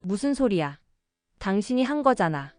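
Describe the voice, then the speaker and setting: A woman voicing a young female villain who turns frantic and shouts accusations. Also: mid-range voice, sing-song, normal speed, dry recording, soft background music, natural voice. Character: young woman villain, cold then hysterical.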